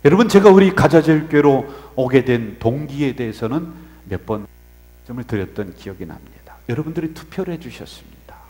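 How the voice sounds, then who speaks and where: A male pastor preaching a sermon, telling stories animatedly, swinging from soft asides to loud exclamations. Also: mid-range voice, expressive, fairly quick, big-room sound. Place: church sanctuary.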